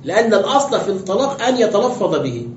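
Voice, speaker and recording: A brisk sheikh explains texts to his students, throwing out rhetorical questions as he goes. His voice sits a little high, and the lo-fi recording sounds roomy and dull. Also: very animated, a little hiss or hum. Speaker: sheikh teaching exegesis. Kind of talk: classroom lecture with commentary.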